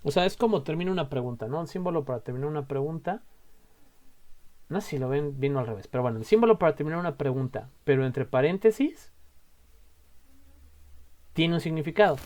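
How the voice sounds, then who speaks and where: Mexican man, relaxed chatty teacher, warm mellow tone, explains point by point. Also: fairly high pitch, normal speed, pauses often. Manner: chatty, explains with lots of "o sea" and "¿no?" tags. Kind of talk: casual online grammar lesson.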